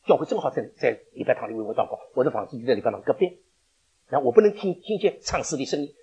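A man's voice: on the high side, husky. A man preaching a sermon, telling stories in a chatty way with laughs and stammered restarts.

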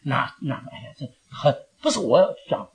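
An older woman speaking to her church congregation, animated and rambling, laughing often and slipping in English phrases. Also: rumbling low, moderate pace, gravelly. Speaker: elderly church member giving thanks. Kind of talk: emotional speech to a congregation. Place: church gathering.

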